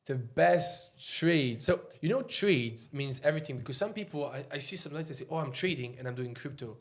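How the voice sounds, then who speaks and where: A Swiss French trader appearing as a podcast guest talks casually and rambles, his speech loose and halting and heavy on "like" fillers. His voice is a little high with lively intonation.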